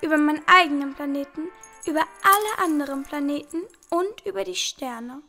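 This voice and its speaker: Self-important queen of a tiny planet, voiced by a woman, high and commanding, music bed. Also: normal speed, bright, forceful tone. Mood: pompous, commanding. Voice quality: pompous, commanding. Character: bossy queen ruling a tiny planet, pompous. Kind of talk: radio play acting. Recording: music playing underneath.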